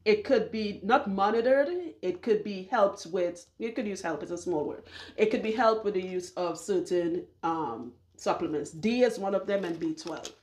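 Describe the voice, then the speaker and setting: A woman's voice: mid-range voice, moderate pace, darkish tone. A woman who works as a loc stylist talks casually and bluntly to her viewers about her supplement routine, laughing often as she goes. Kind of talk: casual talk to camera.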